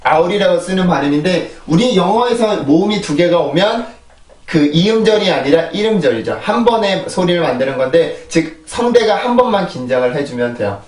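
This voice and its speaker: A man's voice: high voice, lively intonation, brisk. A man teaching English pronunciation in a lecture, explaining sounds and repeating them in drills, often checking in with his listeners. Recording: echoey room, voice a bit distant from mic.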